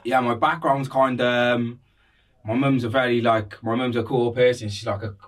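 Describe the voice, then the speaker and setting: Recorded from a distance, this Cardiff man speaks in a medium-pitched, steady voice at a moderate pace. Chatting as a podcast guest in his Welsh accent, he spins casual stories full of slang, repeated phrases and frequent "like" and "bro."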